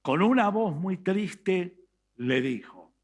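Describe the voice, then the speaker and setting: A man with an Argentine Spanish accent, preaching a sermon as pastor and retelling a scripture story with emphatic, dramatic pauses. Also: high-pitched, animated. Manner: reads scripture aloud slowly.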